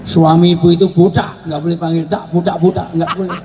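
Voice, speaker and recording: A man's voice: fairly high pitch, fairly quick, noisy background. A man preaching a humorous sermon to a live gathering, joking and acting out quoted voices. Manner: joking, animated, acts out quoted voices and shouts.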